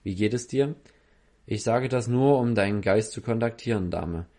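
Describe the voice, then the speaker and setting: Earnest preacher man, low mellow voice. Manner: earnest, questioning the listener directly; speaks in short halting phrases. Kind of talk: healing-service sermon.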